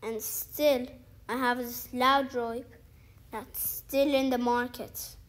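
In a very noisy recording, a young female gaming video creator from outside the featured countries comments casually on her mobile football game. Her slightly high voice is slow and flat, and she thinks aloud with many restarts and "like"s.

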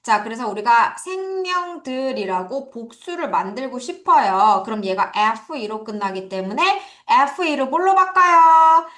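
A woman teacher giving an online vocabulary lecture, drilling pronunciation by slowly repeating words for her students. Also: a little high, very animated, fairly bright tone. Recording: echoey room.

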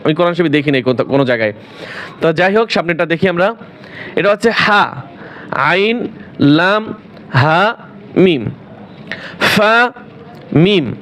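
High-voiced man teaching Arabic letters. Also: animated, unhurried, pauses often, a bit bright. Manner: calls out letters one by one, patient explaining. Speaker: Quran reading teacher. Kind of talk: home lesson on Arabic letters.

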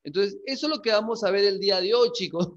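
A male English teacher giving a class, repeating words slowly and checking in with questions. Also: high voice, highs cut off. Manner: coaxing, checks in with frequent questions. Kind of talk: classroom lesson.

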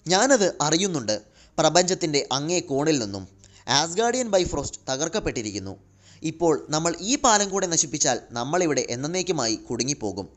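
A man's voice: a little high, very animated, a little fast. A man voicing a commanding goddess queen. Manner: firm, authoritative.

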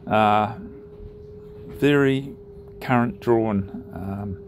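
A man narrating his sailing trip over drone footage in a relaxed, unhurried way, with frequent ums and pauses. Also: on the low side, a little hiss or hum.

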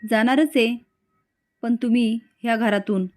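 A woman's voice: a little high, steady tone, measured pace, a little mellow, lightly acted. A woman voicing a loyal young woman who speaks firmly and defiantly. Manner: firm, defiant.

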